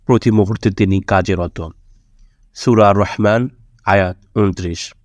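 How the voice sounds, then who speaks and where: A man reading a devotional audiobook aloud in a solemn, measured way, with prayerful appeals. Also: fairly low pitch, steady tone, no echo. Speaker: audiobook narrator. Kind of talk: scripted religious audiobook narration.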